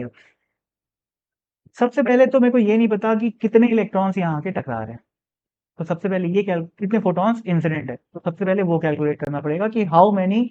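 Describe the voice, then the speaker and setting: A man teaching a physics exam problem step by step, reading the question slowly and then explaining it casually, often asking and answering his own questions. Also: high voice, muffled recording.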